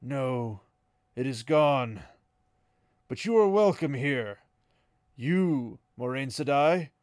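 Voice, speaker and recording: Man reading as ancient Green Man: booming, slow, solemn; dry recording. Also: no echo. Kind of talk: reading a novel aloud.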